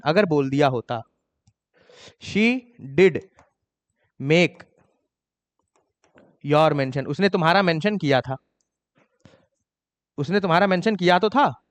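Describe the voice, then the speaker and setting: Indian man, grammar teacher, exam-prep lesson, scolding and emphatic, somewhat high voice, long room reverb. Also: expressive. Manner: scolding, mocks students' excuses in a higher voice; reads English examples slowly and deliberately.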